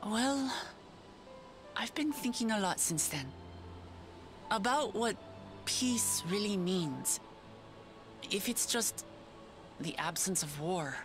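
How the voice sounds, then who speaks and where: In a voiced video game cutscene, an actress plays a young, idealistic lion-woman warrior princess who speaks earnestly and from the heart in a reflective, sincere mood. Her mid-range voice has lively intonation and moves slowly with frequent pauses, over background music.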